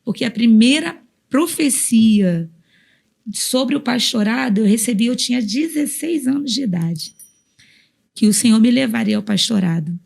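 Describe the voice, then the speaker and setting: A woman pastor sharing a personal testimony on a podcast, her voice husky and a little gravelly. She sits fairly high in pitch and speaks in an earnest, emotional way, circling back over her phrases as she tells the story. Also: expressive, a little slow, darkish tone. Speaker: pastor and guest.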